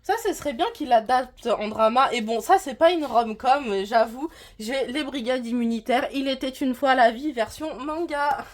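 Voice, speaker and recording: A woman's voice: sits high, moderate pace, few pauses. Chatty woman touring her manga shelves. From France. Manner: chatty, rambling, frequent hesitations. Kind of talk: casual vlog tour.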